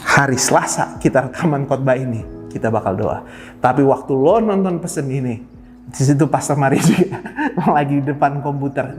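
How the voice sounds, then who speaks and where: Long reverb and faint music surround a pastor's relaxed online sermon, full of slang, playfulness, and scattered English phrases. His voice is on the high side and slightly mellow.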